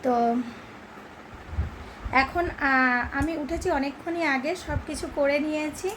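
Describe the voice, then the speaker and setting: Bengali-accented woman vlogger, chatty, talks straight to viewers, high-ish voice, noisy phone audio. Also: a little slow. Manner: chatty, addresses viewers directly. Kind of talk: casual daily vlog narration.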